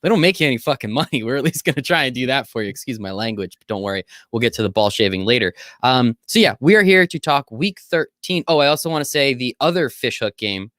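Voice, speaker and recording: A man co-hosting a sports betting show, talking fast and full of jokes, with casual swearing mixed in. His voice sits at a middle pitch. The sound is close and dry, with no room echo. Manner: energetic, jokey, swears casually. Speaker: podcast co-host.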